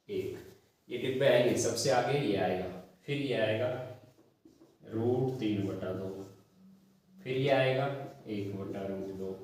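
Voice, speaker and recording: A man's voice: medium pitch, a little mellow, a little hiss or hum. A man teaching a math class, explaining step by step with patient repetition and addressing his students fondly. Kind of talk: classroom lesson. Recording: very echoey room, distant mic.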